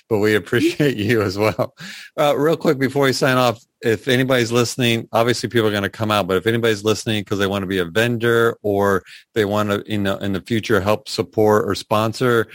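A man's voice: on the low side, no echo. A man hosting a weekly community radio show, chatting casually and laughing easily with his guests.

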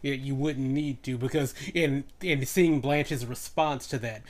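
A man's voice: mid-range voice, a little slow. A man co-hosting a podcast, chatting about a TV show and often agreeing with his co-host. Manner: warm agreement, frequent laughs and affirmations. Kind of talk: casual chat about a TV show.

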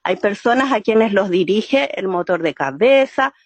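A woman's voice: mid-range voice, lively intonation, a little slow, husky, no room sound. A woman, a storytelling teacher, explaining voice and body exercises step by step in an interview. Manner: patient, explains step by step with "¿cierto?" checks. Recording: muffled, dry sound.

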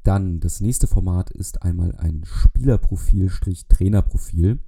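A man's voice: low-pitched, measured pace, warm tone, breathy edge. A man hosting a solo podcast, explaining things at length with frequent hesitations. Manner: explanatory, many filler hesitations. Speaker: podcast host.

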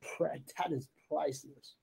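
A man's voice: fairly high pitch, steady tone, measured pace, creaky, darkish tone, breathy edge. A man in his fifties co-hosting a podcast, talking in an emphatic, chatty way. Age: 50s. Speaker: podcast co-host. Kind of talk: casual podcast conversation.

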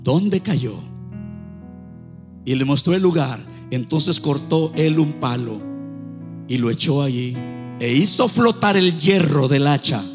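A male pastor preaching a sermon in a church, in a fervent, half-sung delivery that rises into shouts. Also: a little high, animated, measured pace, big-room sound, music in the background. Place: church sanctuary.

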